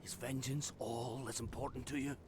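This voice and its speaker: Man as Muradin, a gruff loyal dwarf. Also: mid-range voice, flat delivery, normal speed, noisy background, close to an everyday voice. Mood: reproachful. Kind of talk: video game character acting. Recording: music behind the voice.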